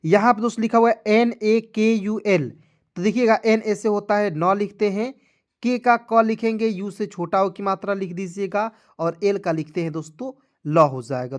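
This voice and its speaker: A man teaching an online spelling lesson, going through each step patiently and repeating it often. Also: high-pitched.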